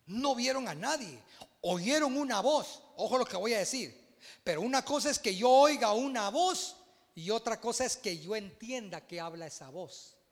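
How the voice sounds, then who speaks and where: Guatemalan pastor preaching in a reverberant church. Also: male voice, high voice, animated, normal speed. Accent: Guatemalan Spanish. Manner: preaching with swings from loud exclamations to hushed asides. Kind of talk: sermon.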